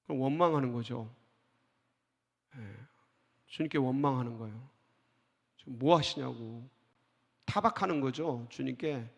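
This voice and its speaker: A male pastor preaching a sermon to a congregation. He speaks with animation and at times acts out frightened cries in a loud, rising voice. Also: mid-range voice, measured pace, vocal fry, pauses often. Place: church sanctuary. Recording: church hall reverb.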